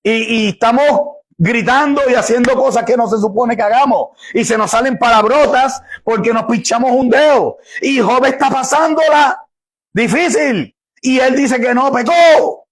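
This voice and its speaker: A man's voice: very high voice, moderate pace, husky. A man preaching a sermon, emphatic and conversational, often restarting and repeating his words.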